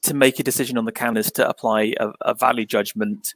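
A man with a gravelly, creaky voice talks through an idea about art in a casual discussion. He hesitates, repeats words and leans on fillers, and the recording is dry with little room sound. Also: medium pitch, steady tone, quick pace, no room sound. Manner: hesitant, stammering with many fillers.

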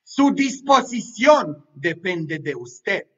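Bright, high-voiced priest preaching a homily. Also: male voice, extremely slow, slightly rough, highs cut off. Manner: lively, joking and conversational, with asides and tag questions; half-sings song lines loudly. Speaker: pastor. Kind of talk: sermon.

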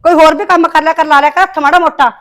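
A woman's voice: sits high, steady tone, rapid-fire. An actress playing a harsh, nagging stepmother in a village short film, speaking Punjabi with a Punjabi accent. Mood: scolding. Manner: nagging, scolding, sharp-tongued. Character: harsh scolding stepmother, middle-aged village woman.

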